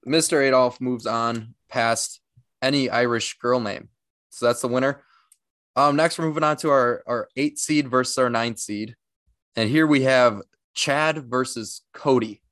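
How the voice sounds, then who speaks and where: A man's voice: mid-range voice, fairly even intonation, a little slow, a bit bright, no room sound, studio quality. A man co-hosting a casual podcast, easygoing and hesitant, often restarting his sentences. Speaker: podcast co-host.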